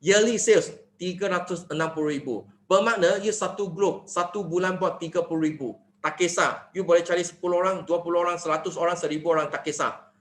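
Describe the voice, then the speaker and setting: A man gives an animated sales presentation. His voice sits high for a man and he keeps asking rhetorical questions. The room adds noticeable echo. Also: fairly quick. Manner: animated, mixing in English phrases, asks rhetorical questions. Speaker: network marketing presenter.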